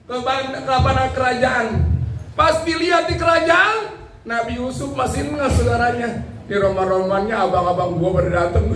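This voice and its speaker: A man with a Betawi accent preaching at a religious celebration, telling prophet stories and acting out the dialogue with jokey asides in local slang. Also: extremely high pitch. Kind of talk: Maulid sermon storytelling. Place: large hall at a religious gathering. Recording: echoey hall, voice from far off.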